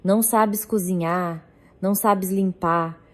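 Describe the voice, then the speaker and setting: A woman's voice: medium pitch, fairly even intonation, slow, lightly acted. A woman voicing a domineering older mother-in-law who scolds with contempt. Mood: scolding.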